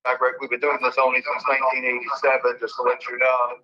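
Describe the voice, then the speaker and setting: Man heard faintly through a phone held away from the mic, monotone. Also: medium pitch. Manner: halting, with many fillers. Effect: voice relayed over a phone held away from the mic. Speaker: market analyst presenter. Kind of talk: webinar presentation. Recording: dull lo-fi phone relay.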